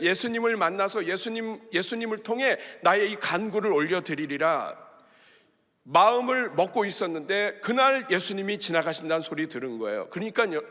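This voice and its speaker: Impassioned male pastor, lively pitch. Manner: impassioned, acts out the blind man's cries with shouts. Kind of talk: sermon. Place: large church sanctuary. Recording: long reverb of a large sanctuary.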